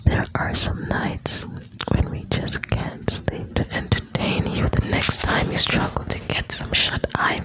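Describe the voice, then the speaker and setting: A woman whispers slowly, right up by the ear, in an ASMR style. She is soothing and intimate, reading short lines and adding chatty asides as if to one listener. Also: low-quality recording. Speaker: ASMR host reading quotes.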